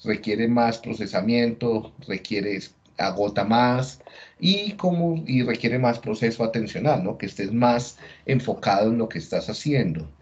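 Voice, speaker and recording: A man giving a class lecture, explaining step by step, often pausing to check in with his listeners and rephrasing himself as he goes. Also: fairly low pitch, darkish tone. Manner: restarts and rephrases mid-sentence. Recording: dull lo-fi audio.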